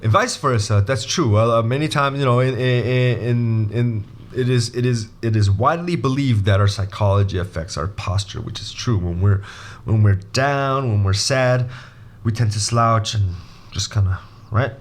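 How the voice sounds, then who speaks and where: In a casual video lesson, a young Brazilian MBA admissions coach talks at a normal speed in a mid-range voice. He jokes around with plenty of energy and often backs up to begin his sentences again.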